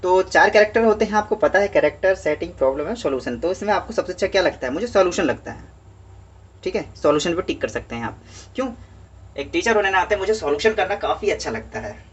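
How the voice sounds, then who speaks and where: A male teacher with a scratchy throat walks through a worksheet in casual chat, reading English lines slowly and saying "okay" again and again. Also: high voice, expressive, slightly rough, dull audio. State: scratchy throat, heavy-headed. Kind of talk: casual Hindi worksheet walkthrough.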